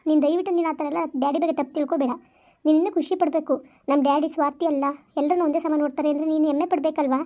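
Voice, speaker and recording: A woman's voice: high-pitched, fairly even intonation, very fast, highs cut off. A woman voicing a patient mother who soothes and coaxes her crying daughter in a family skit. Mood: coaxing. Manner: soothing, coaxing, lecturing softly.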